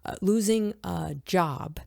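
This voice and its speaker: A woman hosting a reflective podcast, her voice low and gravelly. She speaks earnestly as a yoga teacher, recorded close and dry. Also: slow pace, dark tone, no echo. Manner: earnest, addresses listeners as "my friends".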